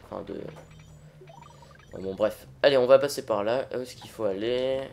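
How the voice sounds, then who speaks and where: A man's voice: medium pitch, moderate pace, gravelly, a little mellow, slight background noise. A man hosting a let's play, chatting informally and a little hesitantly to viewers as he improvises gameplay commentary.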